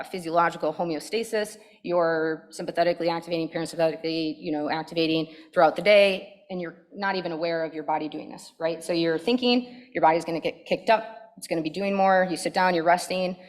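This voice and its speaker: An energetic woman psychologist presents to a room of parents, her voice sitting a little low for a woman. She talks in a lively, conversational way and keeps checking in with her listeners as she explains. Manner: energetic, animated and quick to react; conversational, with frequent "right?" and "okay?" checks. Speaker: pediatric psychologist.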